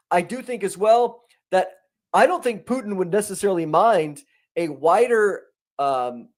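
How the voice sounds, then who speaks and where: A man giving conversational commentary as a guest, animated, with many restarts and rising emphasis. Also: high voice.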